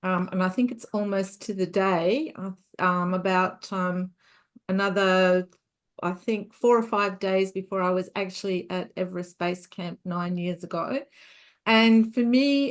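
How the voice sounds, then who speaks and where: A woman who works as a business coach hosts an online webinar on a video call, speaking in a relaxed way with frequent fillers. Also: lowish voice.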